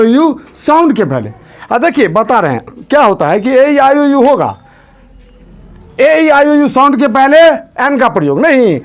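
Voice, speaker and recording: A man teaching English grammar, repeating questions and calling on students to answer aloud. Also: very high-pitched. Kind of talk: classroom lesson.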